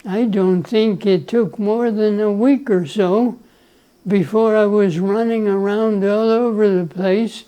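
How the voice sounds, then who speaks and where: A man in his nineties, originally from El Salvador and raised speaking Spanish, tells his life story very slowly. His voice is soft and mellow. He chuckles now and then and often clears his throat. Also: high voice, steady tone, low-quality recording. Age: 90s. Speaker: grandfather being interviewed. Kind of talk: relaxed life-story interview.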